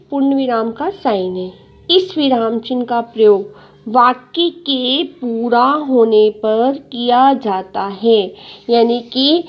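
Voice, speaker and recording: A woman's voice: sits high, highs cut off, a little hiss or hum. A woman teacher giving a grammar lesson to children, explaining each point and then repeating it in simpler words. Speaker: school teacher.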